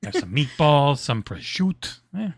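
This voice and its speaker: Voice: big pitch swings, a little slow, no room sound, clean studio sound. A podcaster putting on a brassy New York woman. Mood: brassy teasing. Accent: New York, put on. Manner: brassy, teasing, swooping up high. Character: brash New York woman, flirty and blunt. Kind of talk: comic improvised impression.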